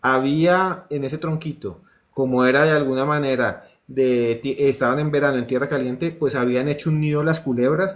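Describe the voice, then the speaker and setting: A man with a Colombian accent, a horror writer telling urban legends on a talk show and acting out the voices of the people in them. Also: mid-range voice. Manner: animated storyteller acting out voices and screams.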